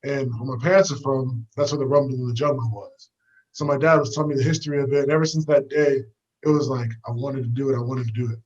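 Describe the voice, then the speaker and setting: A man's voice: mid-range voice, steady tone, fast, a little mellow, highs cut off. A young man from the United States, a fighter guest, talking about his past in an easygoing, rambling way with lots of fillers while out on a walk. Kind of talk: casual storytelling interview. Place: walking outdoors.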